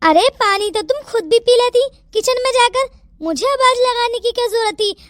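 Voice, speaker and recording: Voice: very high voice, animated, moderate pace, a bit bright, no echo, clean studio sound. Babita, a cartoon voice as a two-faced young daughter-in-law. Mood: scornful. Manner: sugary and polite. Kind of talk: Hindi cartoon voice acting.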